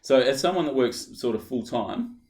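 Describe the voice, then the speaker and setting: Hosting a relaxed podcast conversation, this Australian man has a medium-pitched voice with a darkish tone and lively intonation. His delivery is halting, with frequent restarts as he works through his questions.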